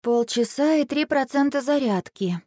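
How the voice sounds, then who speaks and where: Lady putting on a squealy sparrow girl from a storybook, freaking out over her phone, really high. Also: expressive, moderate pace, dark tone, no echo, studio quality. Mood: shrill, upset. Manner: shrill, wailing.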